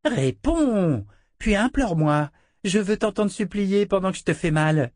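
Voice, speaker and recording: A man voicing a spoiled, cruel little girl princess who taunts and gloats in a raised, girlish pitch, read in a dry, close recording. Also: lively intonation, measured pace, a little mellow, no echo. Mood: taunting.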